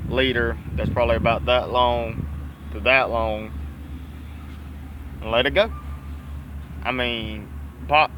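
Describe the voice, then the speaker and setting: A Southern US-accented fishing vlogger rambles casually to camera, folksy and mildly profane, speaking around a dip of chewing tobacco. His mid-range voice has a sharp tone. The audio is poor, with a little hiss or hum.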